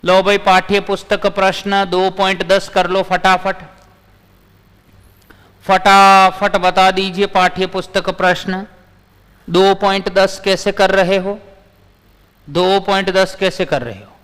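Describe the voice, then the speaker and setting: A man with a high, clear and smooth voice teaches physics in a live online class. He repeats his points and answers viewers' comments as he goes. His voice rings with a long reverb. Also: level tone, slow pace, long pauses, a bit bright.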